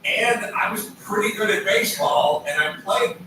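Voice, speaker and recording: A man's voice: high-pitched, animated, moderate pace, recorded from a distance. A man in his late fifties from the Los Angeles area, hosting a casual chat in a jokey, self-deprecating way. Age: 50s. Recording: echoey room, mic from afar, noisy.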